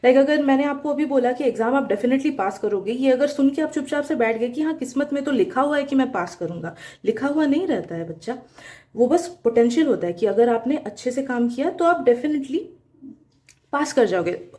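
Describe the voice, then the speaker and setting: A woman's voice: sits high, expressive, normal speed, warm tone. A woman giving weekly tarot guidance, coaching viewers and often checking in with "okay?". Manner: coaching, mixes Hindi and English, frequent "okay?" check-ins. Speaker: tarot reader.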